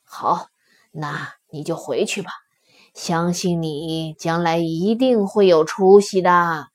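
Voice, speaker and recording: A woman voicing a kindly old male stone lion who laughs heartily and speaks slowly. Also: fairly low pitch, fairly even intonation, pitched below the performer's own voice. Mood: jovial.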